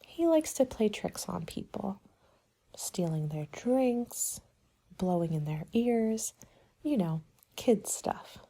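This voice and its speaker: Taking on the role of a helpful party planner, a woman performs a soft-spoken ASMR roleplay, gentle and measured and frequently dropping into a whisper. Her mid-range voice is expressive and creaky, with a breathy edge.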